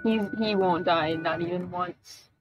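A woman streamer talks slowly and casually while she plays a game. She laughs often and yells at enemies now and then. Faint music sits behind her voice. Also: fairly low pitch, fairly even intonation, dull audio. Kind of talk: casual gameplay chat.

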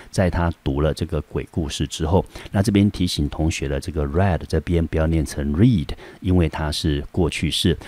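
Male English teacher with a Taiwanese Mandarin accent and a very low voice, explaining words step by step in a lesson. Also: darkish tone. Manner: asks and answers his own questions, frequent "好" fillers. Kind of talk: classroom vocabulary lesson.

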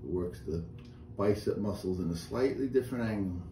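Speaking low and briskly, a middle-aged fitness instructor guides a chair exercise class with calm, step-by-step cues and breath counts. He's recorded by a camera a few feet away in a small room with a painted wall, where echo and faint room noise are audible.

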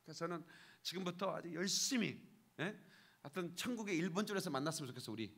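A man's voice: high-pitched, expressive, quick pace, gravelly, a bit bright, breathy edge. A man, a pastor, preaching a sermon to his congregation in a church, talking casually and keeps asking for their agreement, with sudden raised bursts of emphasis. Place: church sanctuary.

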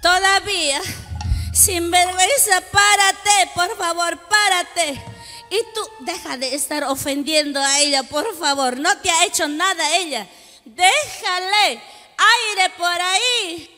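A woman from Peru plays up an exasperated stage scene, scolding a drunk guest with theatrical flair. Her voice sits very high and bright, and she drags her words out slowly. A long echo and some music ring behind her. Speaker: folk singer and comic performer. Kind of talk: stage comedy sketch with folk singing.

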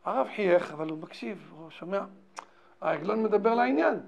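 Man with a high voice, rabbi, animated storytelling lesson, repeats words for emphasis. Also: vocal fry. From Israel.

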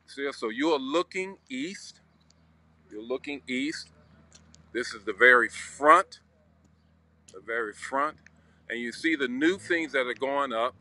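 A man's voice: medium pitch, bright, forceful tone. Upbeat man on a walking site tour. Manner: upbeat, conversational, many fillers. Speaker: church leader giving a construction tour. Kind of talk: casual walkthrough video. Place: indoor and outdoor building site. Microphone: phone camera held while walking.

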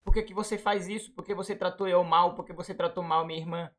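Woman voicing an upset, fast-talking husband. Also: on the low side, steady tone, pitched below the performer's own voice, close to an everyday voice. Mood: hurt, resentful. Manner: hurt, accusing, quick. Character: upset young husband leaving home.

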